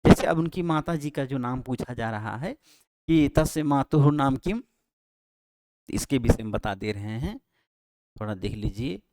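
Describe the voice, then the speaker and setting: A male teacher talking students through exam answers, explaining patiently and repeating key points, with frequent pauses and self-corrections. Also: medium pitch, expressive, a little mellow, no room sound. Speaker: Sanskrit teacher. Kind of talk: exam-prep lesson. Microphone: handheld microphone held close.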